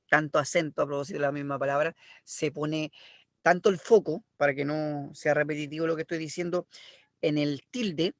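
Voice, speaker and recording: A man's voice: fairly high pitch, fairly bright tone, dry recording. A middle-aged man with a Chilean accent giving a language lesson, explaining step by step and often checking that students follow. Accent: Chilean Spanish. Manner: explanatory, checks understanding with "¿ya?" and "¿me explico?". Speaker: language teacher. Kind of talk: online class lecture.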